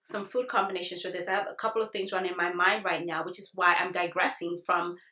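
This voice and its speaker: A woman's voice: fairly low pitch, steady tone, fast, sharp tone. A woman giving a casual product review, chatting directly to her viewers in an informal way. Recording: echoey, roomy sound.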